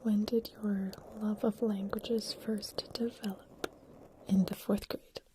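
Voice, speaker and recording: A woman hosting an ASMR live stream, whispering softly as she reads out chat questions and answers them in a chatty way with lots of fillers. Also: medium pitch, little pitch movement, takes it slowly, slight background noise. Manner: chatty with frequent fillers and restarts. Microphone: ASMR microphone with wind guards.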